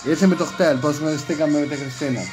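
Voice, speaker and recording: A man's voice: a little high, rough recording. A man rambling in a casual monologue, acting out quoted dialogue in raised voices. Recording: music playing behind the voice.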